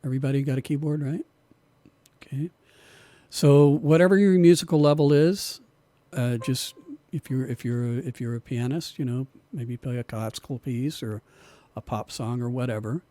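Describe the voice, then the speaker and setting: A man whose voice is fading teaches music production online at normal speed, his mid-range voice recorded with no echo. His relaxed explanations frequently circle back over the same points.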